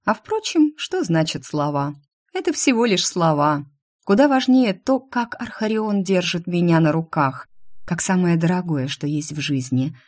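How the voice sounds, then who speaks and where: A woman narrating a first-person audiobook in a soft, intimate, expressive reading voice. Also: on the low side, normal speed.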